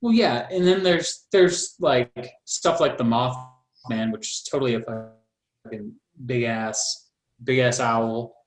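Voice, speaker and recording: A man's voice: medium pitch, slow pace, reverberant, low-quality recording. A man co-hosting a podcast in casual chat, rambling with many filler words and some swearing, speaking over a video call. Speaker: podcast co-host.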